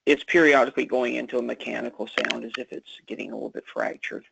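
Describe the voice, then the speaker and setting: A man taking part in an online meeting, giving brief, casual replies and asking quick questions. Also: medium pitch, steady tone, gravelly, very noisy. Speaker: meeting participant. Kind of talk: casual call chat.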